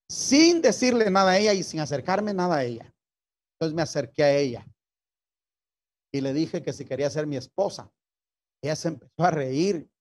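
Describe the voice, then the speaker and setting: An older man delivers a sermon to young people. His voice sits a little high for a man. He tells his story earnestly, restarting phrases and turning often to his listeners as brother and sister. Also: slightly rough. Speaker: pastor. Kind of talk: sermon to youth.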